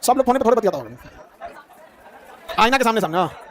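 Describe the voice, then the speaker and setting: A male teacher drilling a class at high speed, firing off questions and often shouting the answers himself. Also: very animated, normal speed, some chatter behind. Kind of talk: rapid-fire classroom quizzing. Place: classroom with students. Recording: noisy crowded classroom.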